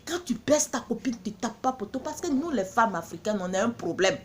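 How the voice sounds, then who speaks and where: A woman's voice: a little high, animated, fairly quick, slight background noise. A woman from Benin, selling her own products in a blunt, emphatic promotional monologue full of repeated catchphrases.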